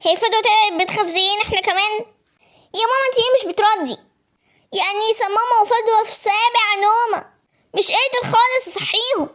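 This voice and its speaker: A woman's voice: very high voice, fast, fairly bright tone. A woman with an Egyptian accent voicing a brave, protective young boy in a spoken story. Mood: reassuring. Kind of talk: voiced storytelling.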